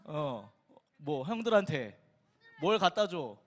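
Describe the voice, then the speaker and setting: A man's voice: a little high, very animated, slow. A man leading a playful children's sermon in a church, asking the children question after question. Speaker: children's pastor. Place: church sanctuary. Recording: long reverb in a church hall.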